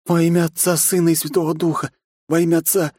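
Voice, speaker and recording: A man's voice: fairly high pitch, flat delivery, fast talker, mellow, slightly rough, no echo, studio quality, pitched above the performer's own voice. A man voicing a terrified young man who prays frantically and stammers. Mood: panicked.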